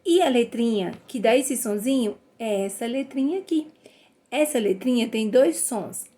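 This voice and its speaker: A woman's voice: fairly high pitch, expressive, normal speed, mellow. A woman teaching a phonics lesson to young children. She sounds out letters one by one and praises the children cheerfully. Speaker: literacy teacher.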